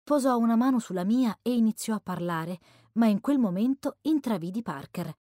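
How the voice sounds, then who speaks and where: A woman narrating a first-person novel in a measured audiobook delivery. Her pitch moves lively through the sentences while the sound stays dry and close, with no room echo. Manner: measured storytelling. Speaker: audiobook reader.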